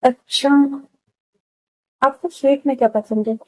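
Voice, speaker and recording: A woman voicing a curious, eager young woman in her twenties who keeps asking questions, with a hoarse throat. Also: high-pitched, steady tone, unhurried, dry recording, poor audio. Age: 20s. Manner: asks question after question.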